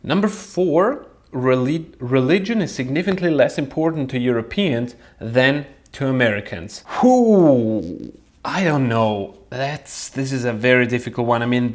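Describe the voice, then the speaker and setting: Hesitant young man from Switzerland, chuckling. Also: medium pitch. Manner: thoughtful, hesitant, chuckles often. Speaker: vlogger. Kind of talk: casual chat to camera.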